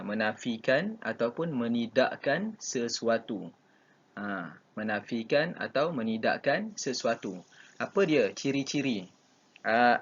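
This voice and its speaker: A man's voice: mid-range voice, breathy edge, highs cut off. A man with a Malaysian Malay accent teaching a recorded online class, patient and repeating key phrases with many short fillers. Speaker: religious school teacher.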